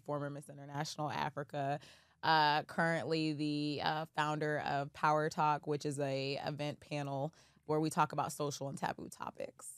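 A young adult woman from Kansas City speaking as a podcast guest, measured and candid, with frequent fillers. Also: low voice, clean tone, dry recording, studio quality. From Kansas City, Missouri, USA. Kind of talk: candid interview talk.

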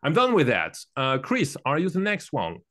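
A man's voice: fairly high pitch, huge pitch swings, normal speed, pushed and bright. A man introducing himself as a mentor on a video call, thoughtful and hesitant with fillers. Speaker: meetup participant, GSoC mentor.

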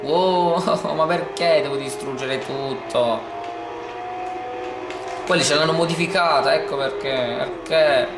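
A man commentating his racing game let's play, excitable and swearing often, talking over the game sounds. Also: a little high, slow pace. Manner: says he talks oddly when excited on video. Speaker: gameplay video host. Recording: echoey room with loud game music.

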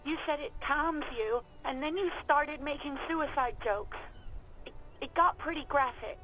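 A woman's voice: high voice, a little slow, music in the background. An actress playing an anxious, exasperated young woman in a video game, speaking hesitantly and resignedly through a radio receiver. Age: young adult. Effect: radio receiver filter. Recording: narrow tinny radio line.

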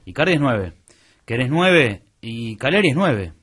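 A man with an Argentine accent on a radio sports panel, making his case in a measured, insistent way. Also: medium pitch, very animated, fairly bright tone. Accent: Argentine Spanish.

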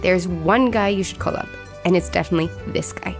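A woman's voice: lowish voice, a little fast, music in the background. A woman hosting a podcast, chatting in a playful, casual way. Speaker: podcast host.

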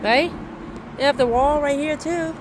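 A high-pitched, slightly slow female voice with a Vietnamese accent carries over a noisy background. The native Vietnamese vlogger laughs often as she casually talks to viewers during a night of river fishing.

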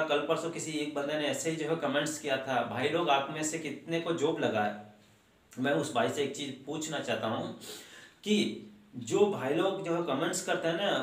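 A man in his thirties talks earnestly to camera from a small room at home, his voice sitting a little high. He keeps repeating his points in a scolding way. The lapel mic picks up a roomy echo. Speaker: job channel host. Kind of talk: direct-to-camera talk.

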